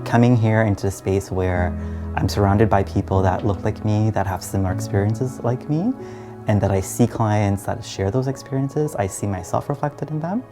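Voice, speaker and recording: Over music, a young adult man from Trinidad and Guyana tells his personal story in a reflective, earnest way, as in a documentary interview. His voice is fairly low and his pace moderate.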